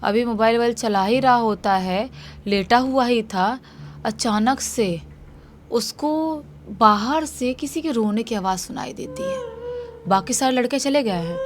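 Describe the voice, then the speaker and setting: A woman's voice: a little high, noisy background. A woman narrating a horror story in a loose, conversational way, often repeating herself. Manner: loose, repetitive spoken retelling.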